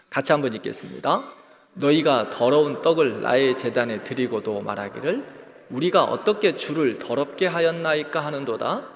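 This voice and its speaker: A man teaching a church Bible class, leading group readings and acting out quoted retorts. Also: a little high. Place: church hall. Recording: long hall reverb.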